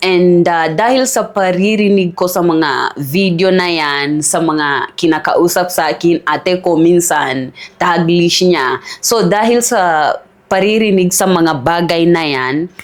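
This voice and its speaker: A young Kenyan woman vlogging in Tagalog and English, chatting casually and reading viewer comments aloud with careful pronunciation. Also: lowish voice. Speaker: language-learning vlogger.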